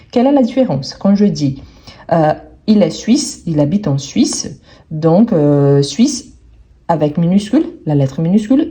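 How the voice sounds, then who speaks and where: A woman works through a grammar exercise as a French teacher, saying each word slowly and more than once. Her voice is husky and breathy, with a very dark, mellow tone. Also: mid-range voice. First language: Portuguese. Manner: slow, careful, repeats each word several times.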